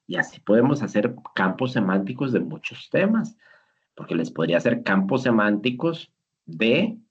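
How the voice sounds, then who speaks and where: A man's voice: on the low side, breathy edge. A man leading a simulated classroom lesson as a teacher, patient and encouraging, praising each answer. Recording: dull lo-fi recording.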